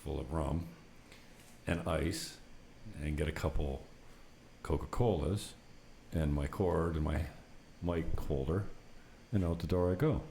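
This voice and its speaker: A man's voice: a bass voice, measured pace, gravelly, pauses often, dark tone. A man hosting a casual, unscripted podcast from an apartment, rambling through anecdotes in an unfiltered way with some mild swearing. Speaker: talk show host. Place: apartment set up for recording. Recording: noticeable background noise.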